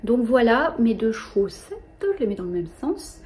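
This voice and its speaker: A middle-aged woman, hosting a knitting show in a casual, halting way with many fillers. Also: a little high, big pitch swings, darkish tone. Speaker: knitting podcast host.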